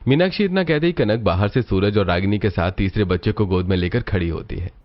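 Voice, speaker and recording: A man narrating a cartoon family story in a steady, even storytelling manner. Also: fairly low pitch, fast, lo-fi sound. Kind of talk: scripted narration.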